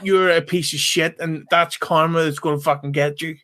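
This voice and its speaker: A man with a fairly high voice speaks earnestly on a podcast. He stumbles at the start of thoughts and swears bluntly. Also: fairly even intonation, normal speed, sharp tone. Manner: earnest, profane, hesitant starts. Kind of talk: casual podcast chat.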